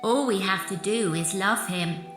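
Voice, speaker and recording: A woman voicing a calm, wise stable cat in a storybook reading, unhurried. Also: mid-range voice, close to an everyday voice. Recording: roomy room with faint music.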